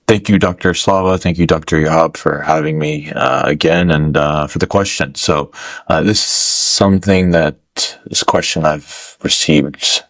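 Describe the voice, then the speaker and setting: A man's voice: a bass voice, fairly even intonation, measured pace, fairly bright tone, no room sound. A man from California co-hosting a podcast, thoughtful and hesitant. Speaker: podcast co-host. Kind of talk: casual podcast chat.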